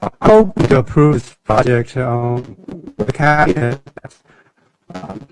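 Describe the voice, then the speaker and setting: A male planning commissioner on a remote call, his audio buzzing with static and cutting out as he talks in a hesitant, halting way. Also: mid-range voice, animated, poor audio. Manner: hesitant, halting with many ums. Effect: buzzy, staticky call audio that breaks up. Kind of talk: speaking remotely in a public meeting.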